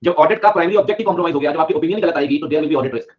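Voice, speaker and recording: A man teaching a live online class at a fast pace, mixing Hindi and English, joking with the class and repeating key points over and over. His voice sits a bit high for a man. The audio sounds dull and lo-fi. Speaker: CA exam teacher.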